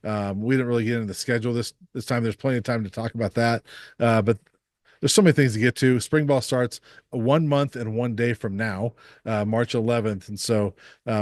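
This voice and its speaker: A man hosting a casual sports podcast, talking in a relaxed, measured way with many ums and uhs. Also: medium pitch, no room sound, studio quality. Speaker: sports reporter and podcast host.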